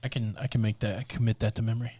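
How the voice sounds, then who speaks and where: A man's voice: on the low side, flat delivery, racing, mellow, slightly rough, no echo. Joking man co-hosting a cruise stream. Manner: jokey, reads viewer names and super chats aloud. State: eye watering, sniffly. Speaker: co-host of a live cruise show. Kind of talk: casual live-stream chat.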